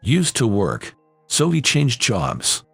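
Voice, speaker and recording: A man's voice: mid-range voice, wildly swooping pitch, slow, gravelly, a bit bright, breathy edge, no room sound, soft background music, exaggerated voice. A man voicing a brash, rude young woman who speaks dismissively.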